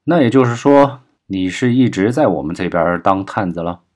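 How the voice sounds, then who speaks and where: A man reading aloud and voicing a tough, hot-tempered male gang leader who talks gruffly and bluntly. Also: sits low, expressive, moderate pace, a little mellow.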